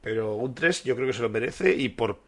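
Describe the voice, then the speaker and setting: A man chatting on a beer-tasting podcast. He tells stories with a joking edge and swears casually. His voice sits at an ordinary middle pitch. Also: animated, moderate pace. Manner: joking storyteller, swears freely. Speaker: podcast co-host.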